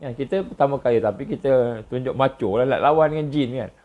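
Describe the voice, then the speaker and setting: A man with a Malaysian Malay accent giving a religious lecture, telling stories with lots of repetition and a voice that jumps high on key points. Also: a little fast, phone-quality sound.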